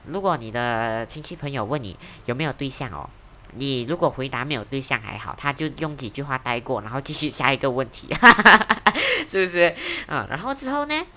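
A woman's voice: a bass voice, fairly bright tone. A young woman with a Malaysian Mandarin accent hosting a casual solo podcast, chatty and self-mocking, dropping English words in. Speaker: podcast host.

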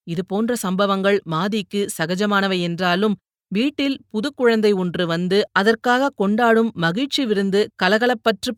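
A woman reading a novel aloud as an audiobook narrator, telling the story in a measured way and raising her voice for characters who shout. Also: mid-range voice, no room sound, clean studio sound.

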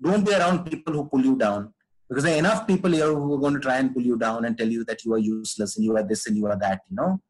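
A man's voice: medium pitch, fast talker, a little mellow, poor audio. A man speaking as a podcast guest, giving earnest, conversational advice and repeating phrases for emphasis.

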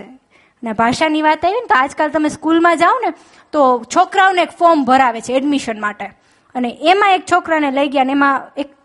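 A woman with a Gujarati accent doing stand-up, telling jokes and stories and reciting verses slowly. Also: high-pitched, a bit bright. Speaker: stand-up comedian.

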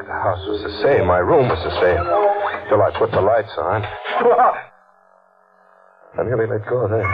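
A deep-voiced man plays a desperate, scheming killer confessing his crime in first-person narration for a 1940s radio mystery. He sounds haunted and guilty, hesitating and speaking in clipped phrases. The vintage radio recording is dull, with loud music.

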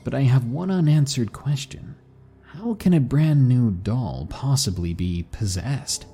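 A man narrating spooky stories in a slow, hushed, dramatic way. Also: mid-range voice, lively intonation, breathy edge, soft background music. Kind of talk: scripted story narration.

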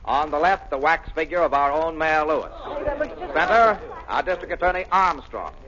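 A man playing a brash male carnival barker at a waxworks in a 1930s radio drama, with loud showman's patter. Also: fairly high pitch, lively intonation, normal speed, natural voice. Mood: lecturing. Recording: muffled old radio recording with crowd.

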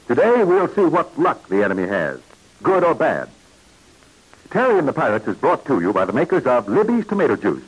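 Husky 1940s radio serial announcer, man. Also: rough recording. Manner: hearty pitchman addressing kids.

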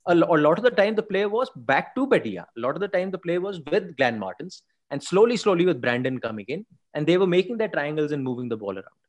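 A man's voice: a little high, sing-song, fast talker. A man with an Indian accent hosting a casual football talk, mixing Hindi into his speech. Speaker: host interviewing a football pundit.

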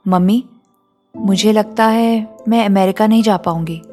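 A woman's voice: medium pitch, measured pace, mellow, soft background music, close to an everyday voice. A woman voicing a playful, caring daughter in her twenties, teasing her family with affection. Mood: affectionate. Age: 20s.

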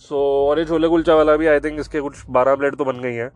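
Young guy ranting on his podcast, slightly high voice, faint music behind. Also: steady tone, brisk, darkish tone, no room sound. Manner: ranting, joking, mixes Hindi and English. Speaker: podcast host. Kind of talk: casual rambling monologue.

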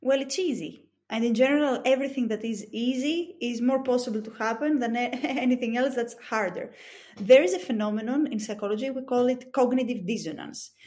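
This interview guest, a business coach and psychology expert from Greece, speaks with a Greek accent in a fairly high-pitched voice with a darkish tone. She answers methodically, explaining her points with examples.

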